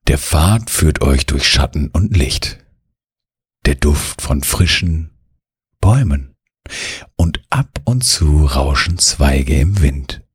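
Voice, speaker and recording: A man slowly narrating a soothing bedtime relaxation story in the second person. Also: rumbling low, animated, slightly rough, no room sound, clean studio sound.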